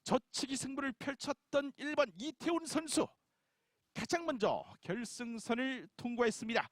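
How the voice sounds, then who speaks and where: A man's voice: very high voice, lively intonation, moderate pace, no room sound, studio quality. A man giving live race commentary like a motorsport commentator, with an urgent delivery that builds toward the finish.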